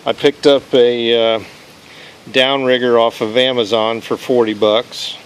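A man walking through his homemade kayak fishing setup outdoors in a relaxed, plain-spoken way, pausing often with "uh". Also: lowish voice, slight background noise. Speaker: kayak angler showing his gear. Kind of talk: casual show-and-tell walkthrough. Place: outdoors on a paved driveway.

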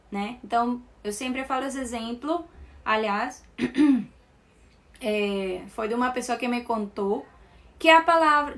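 A woman from Colombia with a Colombian accent, a native Spanish speaker teaching a live online lesson in Portuguese, saying words slowly and repeating them for students to copy. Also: a little high, a bit bright.

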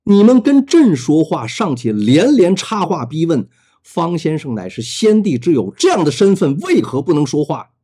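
A man's voice: on the high side, wildly swooping pitch, moderate pace, mellow, husky, heavily acted. A man voicing an imperious middle-aged emperor who scolds and commands. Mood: stern.

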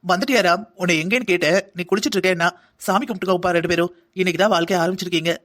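Guy voicing a bossy mum-in-law in a cartoon, high and rattling fast, nags and guilt-trips. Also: fairly even intonation, a bit bright. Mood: cheerful. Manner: scolding, emotional pleading. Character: bossy middle-aged mother-in-law, pushy and emotional. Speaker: voice actor. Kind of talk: cartoon drama dubbing.

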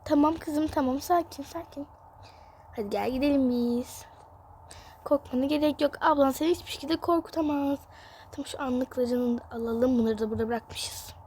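A woman's voice: high-pitched, moderate pace, dark tone, a little hiss or hum, close to an everyday voice. A woman voicing a patient, soothing mother in a game role-play, coaxing her child.

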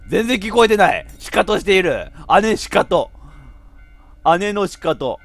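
A man playing a horror game, giving joking running commentary and breaking into sudden shouts. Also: sits high, very animated, measured pace, vocal fry, music in the background. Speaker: VTuber game streamer.

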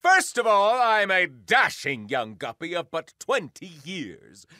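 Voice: medium pitch, big pitch swings, slow, sharp tone, dry recording, clean studio sound, exaggerated voice. A performer voicing a melodramatic, boastful young male wizard who swings from grand speeches to sobbing.

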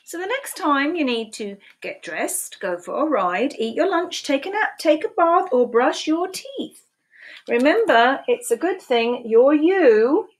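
Sitting at her desk in a small room at home, a woman in her sixties is recorded by webcam as she reads a picture book aloud to young children. Her voice sits high, sing-song and unhurried, and she quizzes the kids as the story unfolds.

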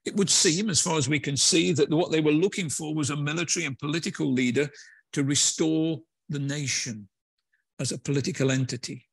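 A man's voice: on the high side, fairly even intonation, brisk, creaky, slightly rough, dry recording. A man preaching a conversational sermon in a church, with hesitant fillers and restarts. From England.

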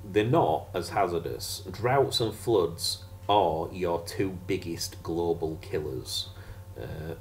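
A man's voice: sits low, slow, a little mellow, slight background noise. A man teaching a casual geography revision lesson over slides, chatty and jokey with sarcastic asides.

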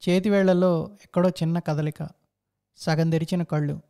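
A man's voice: fairly high pitch, steady tone, normal speed, dark tone, clear, resonant tone. A man narrating a first-person story in a reflective, introspective way.

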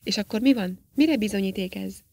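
A woman reading an audiobook, voicing a nervous man who speaks bluntly and quickly loses his nerve. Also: medium pitch, flat delivery, gravelly, darkish tone.

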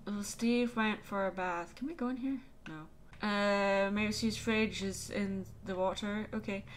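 In this let's play, a chatty woman reacts out loud to the on-screen action, jumping at surprises as she talks casually. Her mid-range voice is steady and a little slow, with slight background noise.

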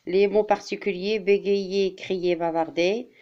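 A woman primary school teacher giving a vocabulary lesson, speaking deliberately, repeating words and acting out examples. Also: mid-range voice, steady tone, highs cut off.

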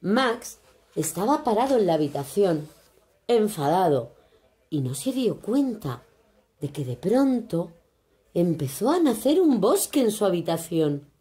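A woman from reading a children's story aloud in an expressive, animated way. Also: medium pitch, a little slow.

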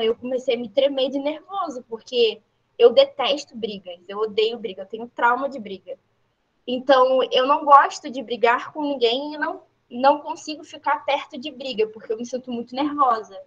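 Woman, high voice, emphatic personal account, repeats herself, fillers, dull lo-fi sound. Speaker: workshop participant. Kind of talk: personal account in a group session. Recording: dull lo-fi audio.

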